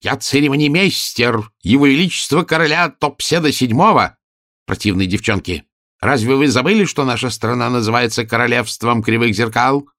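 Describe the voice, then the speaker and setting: A man's voice: medium pitch, normal speed, fairly bright tone, dry recording, studio quality, pitched above the performer's own voice, close to an everyday voice. Man playing a pompous, snappish old courtier. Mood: haughty. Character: haughty, angry old male court official.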